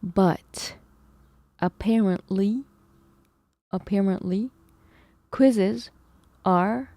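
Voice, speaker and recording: This woman has a mid-range, dark voice and draws out her words, captured in a dry recording. On her live stream she works through math problems aloud, second-guessing herself and chatting with viewers, all while feeling her voice start to go.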